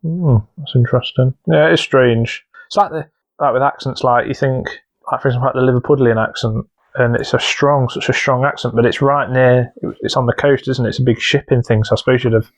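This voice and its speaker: A man's voice: mid-range voice, fairly even intonation, brisk. Rambling male podcast co-host. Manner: rambling, many fillers and restarts. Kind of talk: casual chat.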